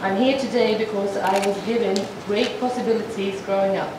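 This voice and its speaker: Far from the mic in a vast, echoing hall, a woman interprets a formal speech from sign language into spoken words. Her mid-range voice is measured and halting, often restarting phrases, and a steady noise runs underneath.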